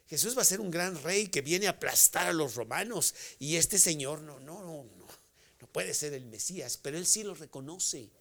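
A man with a Mexican accent preaching a sermon, swinging from loud, forceful phrases to whispered endings. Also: on the high side, expressive, moderate pace.

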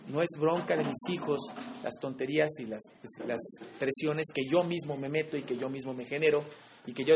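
Brief: middle-aged Mexican preacher, slightly high voice, chatty, keeps checking in with listeners. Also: male voice, gravelly, slight background noise. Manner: casual, keeps asking "¿no?". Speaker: preacher to men. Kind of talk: conversational devotional talk.

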